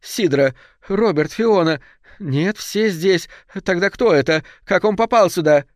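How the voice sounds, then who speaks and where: A shrill, high, panicky society lady, put on by a male narrator, shrieking in a storybook reading. The voice is pitched far above his own and pushed loud. The recording is close and dry, with no room sound. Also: a little slow, dry recording. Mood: panicked. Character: hysterical stout elderly society lady hostess.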